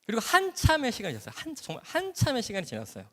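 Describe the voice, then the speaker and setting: A man's voice: very high-pitched, racing. A man, a doctor, gives a testimony at a church camp and tells his story vividly. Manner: animated, vivid storytelling with sound words. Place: church camp gathering hall. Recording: hall reverb.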